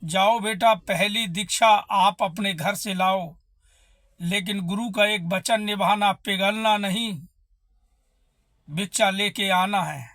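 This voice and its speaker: A man's voice: high-pitched, slow pace, a bit bright, no room sound, studio quality, heavily acted. A man voicing a stern elderly guru in a devotional story, giving commands. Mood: commanding. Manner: commanding, instructive.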